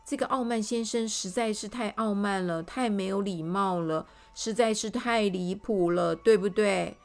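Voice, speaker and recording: A woman reading a storybook aloud to children, animated and addressing the little listeners directly. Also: mid-range voice, moderate pace.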